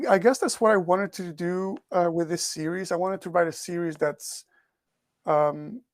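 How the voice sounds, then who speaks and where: On a podcast, a man who grew up in Portugal and uses English as a second language answers interview questions thoughtfully in his role as author and researcher, repeating words as he thinks. His voice is on the high side. The studio-quality recording has no echo.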